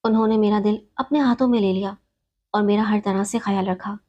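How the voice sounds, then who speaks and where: A woman telling an emotional story in the first person, reading in a steady, sorrowful way. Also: mid-range voice, lo-fi sound.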